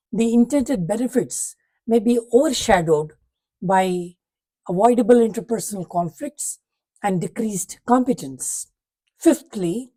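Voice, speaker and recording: A woman reading a prepared talk aloud, setting out numbered points in a measured, formal way. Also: fairly high pitch, warm tone, poor audio.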